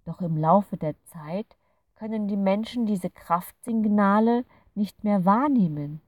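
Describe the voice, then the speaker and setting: Storybook fairy creature, gentle and patient, read by a woman, unhurried, slightly distant mic. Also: mid-range voice, no echo, phone-quality sound, voice pushed up. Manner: patient, soothing explaining. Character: kind gentle fairy creature from a light dimension.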